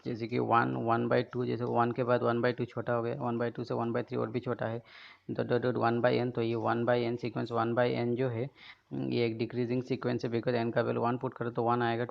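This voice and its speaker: A man's voice: medium pitch, vocal fry. A man teaching math, explaining step by step and checking in with "okay?" as he goes. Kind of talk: lecture mixing Hindi and English. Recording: dull lo-fi recording.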